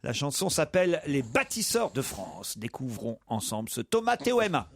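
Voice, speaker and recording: A man's voice: medium pitch, very animated, normal speed, creaky. A man hosting a live radio talk show, rambling through his questions with many hesitations and restarts. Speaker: host reading listener mail and leading the show.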